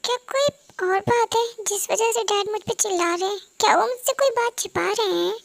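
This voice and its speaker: A woman's voice: very high voice, moderate pace, bright, forceful tone, exaggerated voice. A woman voicing an anxious, sensitive young son who pleads and frets in a fan-dub audio drama. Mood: worried. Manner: pleading, worried, fretful questioning.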